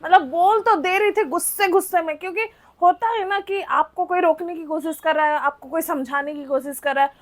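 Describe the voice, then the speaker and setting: Very high-voiced young woman ranting heatedly. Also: fairly quick. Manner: heated, animated, blunt and swearing; talks straight to the camera, addressing viewers. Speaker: vlogger telling a personal story. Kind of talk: casual storytime rant.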